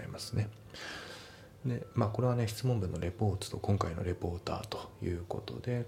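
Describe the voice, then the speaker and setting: A man tutoring for an English test, explaining each answer and its pronunciation step by step in a relaxed, casual way. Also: sits low, creaky, slight background noise.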